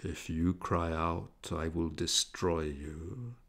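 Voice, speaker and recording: Man doing a demon voice, hollow, booming, low and gravelly, slow menace, storybook reading. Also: steady tone, fairly bright tone, full character voice. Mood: menacing boast.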